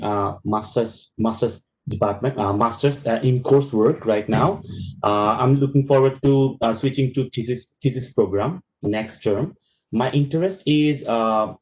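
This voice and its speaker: A man from Bangladesh, introducing himself as a master's student on a panel, halting and restarting words over a video call. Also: medium pitch, darkish tone. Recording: muffled video call audio.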